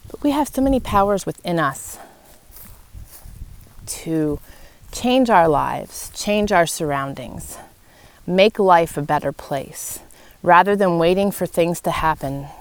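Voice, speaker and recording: A woman hosting a podcast gives an earnest, reflective, personal motivational talk about life and faith, addressing listeners directly and encouragingly in short phrases broken by pauses. Her voice is fairly low in pitch and expressive. She is outdoors in the wind.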